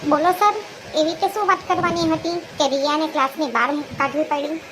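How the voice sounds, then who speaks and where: A woman voicing a meek, patient young husband in a cartoon, talking in a gentle, pleading way. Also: sits high, brisk, pitched below the performer's own voice, close to an everyday voice. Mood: subdued. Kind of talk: cartoon voice acting. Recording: noisy background hiss.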